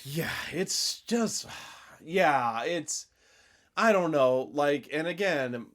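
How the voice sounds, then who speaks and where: Laughing, chatty man, slightly high voice. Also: expressive, drawn-out words, a bit bright. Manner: chatty, laughing often, many "like" fillers. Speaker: podcast co-host. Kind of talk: casual chat.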